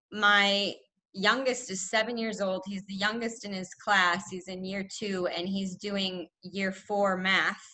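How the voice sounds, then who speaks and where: Chatty woman with a bright voice. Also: mid-range voice. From United States. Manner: chatty, laughs often, animated asides. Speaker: student. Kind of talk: casual class discussion on video call. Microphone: video call.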